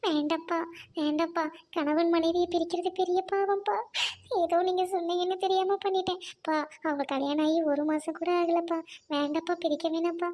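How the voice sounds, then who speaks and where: A woman's voice: very high voice, darkish tone. A woman as a pleading young daughter. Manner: pleading, begging.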